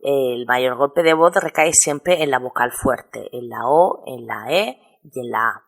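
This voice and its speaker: A Spanish teacher with a rumbling low, gravelly voice gives a recorded lesson on spelling rules. She patiently explains each step and spells out syllables slowly.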